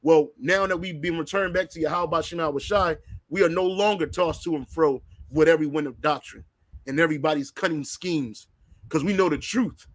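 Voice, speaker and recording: A man talks with a fairly high voice and fervent, preachy conviction. He stumbles and repeats words as he pushes on, and the sound is close and dry. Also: normal speed, no echo. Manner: preachy, repeats words when starting phrases. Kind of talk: fervent religious discussion.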